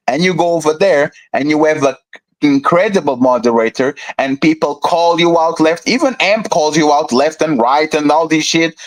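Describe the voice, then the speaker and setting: In a heated podcast debate, a male host with a voice on the high side presses his guest with repeated questions and talks over him. The recording is rough.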